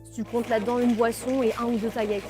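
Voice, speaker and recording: A woman managing a bubble tea shop, answering interview questions in a relaxed, chatty way. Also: a little high, quick pace, over music. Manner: relaxed, chatty, laughs easily.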